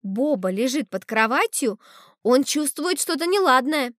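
A woman reads a story aloud in a measured, expressive way. Her high voice moves lively through each line at an unhurried pace. The recording is dry and close. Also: no echo. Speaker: narrator. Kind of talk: storybook reading.

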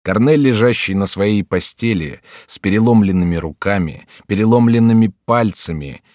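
Deep-voiced man narrating a novel. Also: moderate pace, a little mellow, dry recording, clean studio sound. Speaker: audiobook narrator. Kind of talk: scripted narration of a classic novel.

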